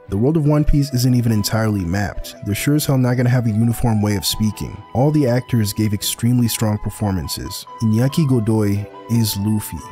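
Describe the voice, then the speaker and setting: A man's voice: lowish voice, warm tone. A young man narrating a scripted video essay in a dry, sarcastic way.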